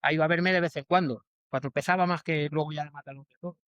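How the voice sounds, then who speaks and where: Spanish man in his forties, smooth and halting. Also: a little high, fairly even intonation, a bit bright, dry recording, lo-fi sound. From Spain. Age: 40s. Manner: hesitant, many restarts and fillers. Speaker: bullfighter guest. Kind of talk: casual interview answers.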